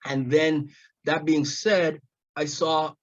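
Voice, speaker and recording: A man's voice: a little high, fairly even intonation, slow. A man in his fifties from Jamaica, raised in Montreal, telling stories as a comedy guest in a casual interview, laughing often and restarting his sentences. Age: 50s. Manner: laughing, rambling storyteller with restarts. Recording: dull lo-fi sound.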